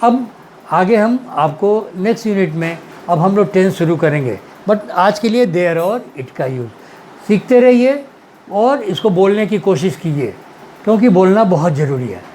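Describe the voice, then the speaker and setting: A man teaching English grammar in Hindi, patiently repeating example sentences slowly and clearly. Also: high voice, expressive, a little mellow, a little hiss or hum. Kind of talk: grammar lesson explained in Hindi.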